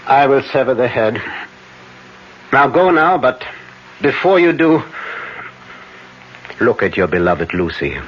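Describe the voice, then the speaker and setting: An actor playing a commanding older professor and vampire hunter, speaking with grave, paternal firmness. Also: male voice, medium pitch, big pitch swings, slow pace, long pauses. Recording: muffled, noisy old radio broadcast.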